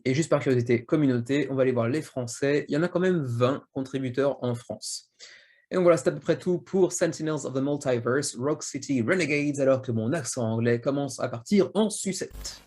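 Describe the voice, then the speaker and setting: A man's voice: mid-range voice, darkish tone. A man hosting a board game channel, talking casually through crowdfunding projects with lots of fillers and restarts. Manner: rambling, full of fillers and restarts. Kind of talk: casual video review narration. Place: home in Japan.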